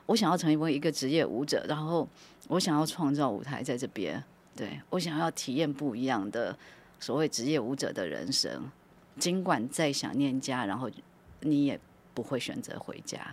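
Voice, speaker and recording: Low-voiced woman telling a heartfelt story. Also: expressive, normal speed, slightly rough. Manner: emotional storytelling. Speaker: guest, professional dancer. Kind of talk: casual chat.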